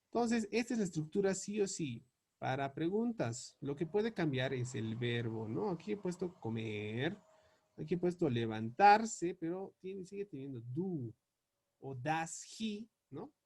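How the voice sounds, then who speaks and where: A man teaching English grammar, spelling out example questions slowly and word by word as he writes them up. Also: fairly high pitch, animated, a little mellow, breathy edge. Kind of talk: explaining grammar on a board.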